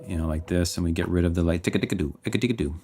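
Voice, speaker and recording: Deep-voiced and rapid-fire, this producer from British Columbia speaks with a light West Coast Canadian accent. He's casually muttering self-critical remarks and thinking out loud as he mixes a track, with faint music playing back behind him.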